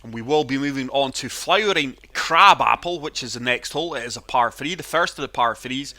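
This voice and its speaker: Male gaming host, mid-pitched and bright, chesty and wheezy with a cold, casual golf play-by-play. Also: brisk. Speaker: gaming channel host and player. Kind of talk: casual golf game commentary.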